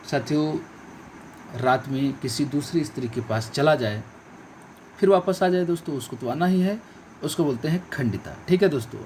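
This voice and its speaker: A man's voice: a little high, darkish tone, slight background noise. Man teaching exam spelling, repeating answers. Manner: repeats each correct answer, stressing key words; addresses viewers as friends and companions. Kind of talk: online exam-prep lesson.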